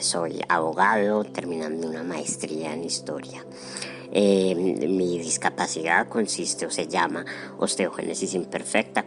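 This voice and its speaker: A man with a Colombian accent, a professor answering interview questions informally. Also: deep voice. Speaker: law professor, interview participant.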